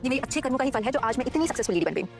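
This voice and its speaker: An actress playing a greedy, arrogant middle-aged restaurant owner in a melodramatic drama, bossy and scolding. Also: female voice, sits high, big pitch swings, very fast. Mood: scheming. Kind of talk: melodramatic web-series acting. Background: background music.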